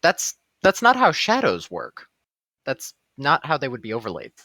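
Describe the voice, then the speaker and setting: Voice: medium pitch, huge pitch swings, moderate pace, bright, forceful tone, no echo. A tabletop game player speaking in a wry, hesitant, musing way. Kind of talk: tabletop role-play.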